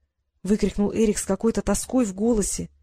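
A woman narrating a children's fantasy audiobook in an even, measured reading. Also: mid-range voice. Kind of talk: scripted fiction narration.

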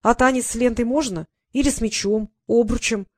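A woman's voice: a little high, a little fast, no room sound, pitched above the performer's own voice, lightly acted. Woman playing a shy teen girl, slightly raised voice, hesitant, dry sound. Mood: eager. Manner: mumbling, hesitant. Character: shy, embarrassed teenage girl.

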